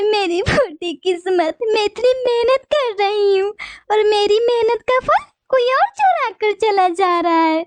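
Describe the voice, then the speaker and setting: A woman's voice: very high voice, dry recording, heavily acted. A woman voicing a tearful, hard-working female sparrow in a cartoon, with a wailing, lamenting manner. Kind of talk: cartoon voice acting.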